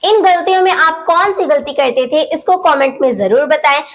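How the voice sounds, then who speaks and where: A woman, teaching how to recite prayers and carefully drawing out each sound to demonstrate it. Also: high-pitched. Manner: careful, drawn-out demonstration of pronunciation. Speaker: religious teacher. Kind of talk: instructional talk on prayer recitation.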